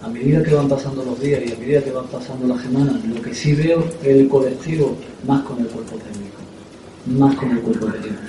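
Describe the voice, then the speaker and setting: A football coach answers questions at a press conference haltingly, often repeating words and filling gaps with "eh." His voice is medium-pitched and mellow, with a little hiss or hum, recorded in an echoey room from a distant mic.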